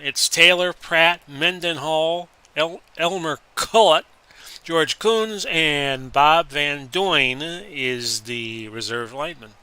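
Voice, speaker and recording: Male streamer doing play-by-play calls: a very bright, forceful, slightly high voice that jumps into excited bursts. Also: clear, resonant tone. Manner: announcer-style calls that rise into excited outbursts. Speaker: streamer and host. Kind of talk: play-by-play commentary over a sports simulation game.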